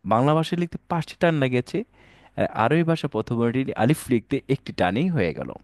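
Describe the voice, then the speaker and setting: A man's voice: mid-range voice, animated, fairly quick, darkish tone, no room sound, studio quality. A man teaching an online Quran reading lesson, addressing viewers as dear brothers and sisters, mixing English words into his speech and calling out letters for them to repeat.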